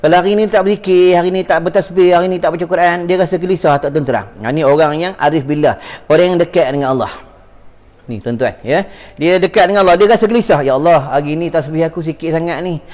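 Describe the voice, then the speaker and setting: A man's voice: high-pitched, fast, a little mellow. A man with a Malaysian Malay accent giving a religious lecture, repeating phrases and calling out to his listeners. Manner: preachy, repeats phrases, addresses audience as tuan-tuan. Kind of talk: sermon.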